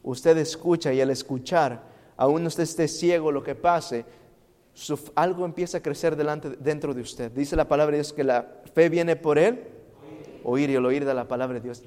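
A male preacher delivers a sermon with a somewhat high voice, asking the congregation questions and building from hushed passages to loud, fervent peaks. His voice carries a long reverb, as if filling a large church hall. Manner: swings from quiet to loud, impassioned preaching.

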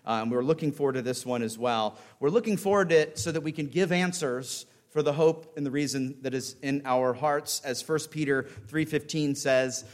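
A man, a pastor, introducing a guest speaker in church in a halting way, often repeating words. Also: fairly high pitch.

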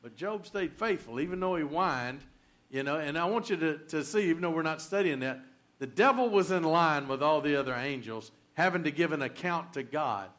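A man's voice: a little high, expressive, normal speed, fairly bright tone. A man preaching a sermon in a conversational way, reading scripture aloud with emphasis. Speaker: pastor.

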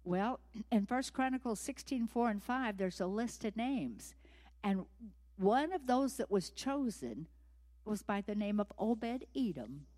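Woman preacher telling a bible story, lively, lots of echo in a big church. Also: mid-range voice, measured pace. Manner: animated storytelling, acting out scenes. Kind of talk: sermon.

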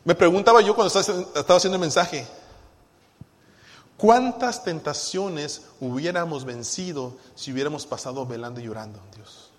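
A male pastor preaching a sermon to his congregation, asking them rhetorical questions and moving between hushed asides and loud, emphatic lines. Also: a little high, moderate pace. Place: church sanctuary. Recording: long hall reverb.

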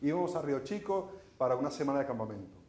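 A man's voice: mid-range voice, lively intonation, fast talker, a little mellow, roomy sound. A middle-aged man from Venezuela with a Venezuelan Spanish accent, preaching a sermon in a conversational, storytelling way, often putting rhetorical questions to the congregation.

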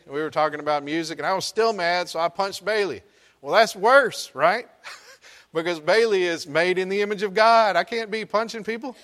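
Man, preacher, conversational sermon, keeps asking "right?", slows down for emphasis, lingering hall echo. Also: a little high, a bit bright. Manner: chatty, keeps asking "right?" to check in with listeners; slows down to stress key points. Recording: long hall reverb.

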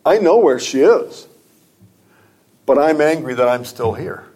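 A man's voice: on the high side, animated, measured pace, dark tone, slightly rough. A middle-aged man preaching a sermon, telling personal stories in an earnest way and lifting his voice on key points. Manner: earnest, storytelling, rising with emphasis. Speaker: pastor.

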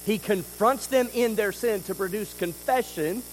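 A man preaching a sermon at a church service, swinging between loud emphasis and quiet intensity and asking the congregation rhetorical questions. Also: high-pitched, normal speed, a little hiss or hum, rough recording. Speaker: pastor.

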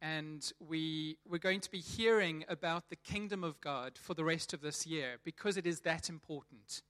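A South African church leader in his thirties preaches a chatty sermon to his congregation at a normal speed. His voice is on the high side and a little bright, and he often repeats words as he restarts sentences.

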